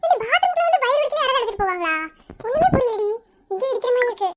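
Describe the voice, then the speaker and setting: A woman's voice: extremely high pitch, lively intonation, very fast. A woman voicing an anxious, secretive young college girl in a Tamil cartoon love story, teasing her friend one moment and pleading the next. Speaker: lead character in an animated love story.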